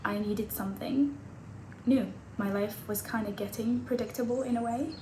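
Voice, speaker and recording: A woman's voice: on the high side, fairly even intonation, moderate pace, a little mellow. Chatty woman in her twenties, echoey room. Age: 20s. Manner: chatty and candid, laughing at herself. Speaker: vlogger. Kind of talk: casual talking-head vlog. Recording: echoey room with audible background noise.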